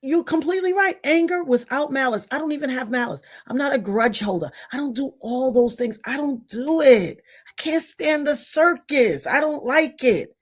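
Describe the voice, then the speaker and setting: Middle-aged woman, Trinidadian accent, high-pitched livestream host, emphatic and fed up. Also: expressive, moderate pace. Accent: Trinidadian Caribbean. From Trinidad, raised in Brooklyn. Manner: indignant, emphatic, preachy. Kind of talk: livestream commentary rant.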